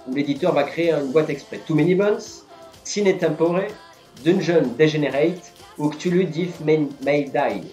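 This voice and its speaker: A man's voice: a little high, warm tone. Male quiz host on a live stream, patient explainer, echoey room, faint music bed. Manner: patiently explains each answer. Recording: roomy, dull lo-fi sound, faint music.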